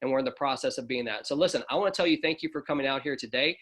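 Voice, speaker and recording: A man hosting an online promotional call, energetic and hyping up the audience. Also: medium pitch, very fast. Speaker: host of an online overview call.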